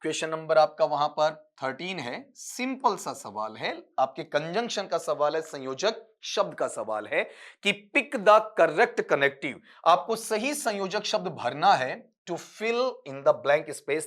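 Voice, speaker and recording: Teacher with slightly high voice. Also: male voice, very animated, slow pace, a bit bright. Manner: explains step by step, asks questions and answers them; addresses students as beta. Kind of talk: exam-prep lecture.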